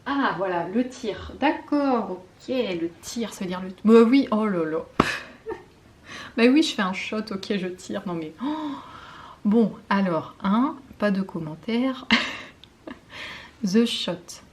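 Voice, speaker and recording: A French woman giving a spiritual card-reading guidance, talking softly and intimately, often slipping into a whisper, with hesitant fillers and self-mocking laughs. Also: medium pitch, animated, a little hiss or hum. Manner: slow, soft and intimate, often dropping to a whisper. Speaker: tarot card reader.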